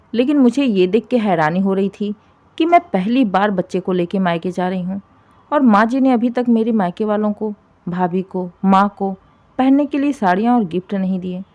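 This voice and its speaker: A woman telling a heartfelt first-person family story at an even, middle pitch. Her reading is scripted and expressive, with a steady emotional pull.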